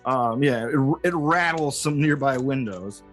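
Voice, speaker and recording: A man improvising narration as game master, halting and jokey as he describes the scene. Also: mid-range voice, a bit bright, soft background music. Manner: halting, jokey, often chuckling.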